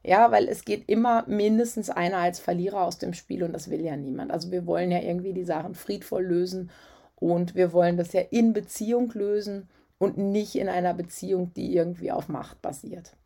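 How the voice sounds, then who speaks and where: A woman's voice: lowish voice, fairly even intonation, brisk, vocal fry, dark tone. A woman who works as a parenting coach, giving chatty advice to parents with frequent fillers. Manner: conversational, frequent "ja" and "ähm" fillers.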